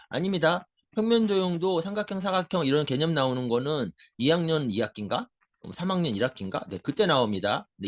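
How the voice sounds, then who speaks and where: A man's voice: medium pitch, fairly bright tone. A middle-aged man, a math tutor, explaining a concept to parents in an emphatic lecture style, asking questions and answering them himself. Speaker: math tutor and education consultant.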